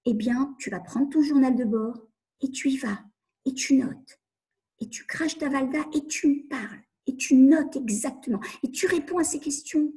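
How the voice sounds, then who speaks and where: A woman's voice: high-pitched, moderate pace, dark tone. A woman coach giving a webinar talk on emotions, earnest and repeating phrases as she acts out inner questions. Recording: online webinar.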